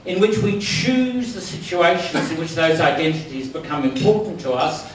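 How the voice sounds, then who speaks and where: Heard from far off through a distant mic, this echoey hall recording captures an older man with an Australian accent delivering an after-dinner speech in a big dining room. He talks at a moderate pace in a slightly high voice, wry and anecdotal, with plenty of ums. There's slight background noise.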